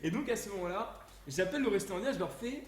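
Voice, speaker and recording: A man with a high-ish voice tells a story casually on a live stream. His talk is crude and animated and full of fillers. The room sounds echoey, with faint music playing behind him. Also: fast. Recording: roomy echo, faint music.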